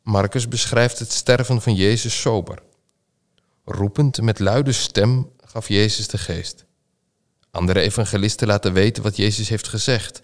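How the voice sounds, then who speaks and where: Male preacher, low voice; measured, solemn scripture reading and sermon. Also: steady tone. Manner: slow, measured, solemn delivery.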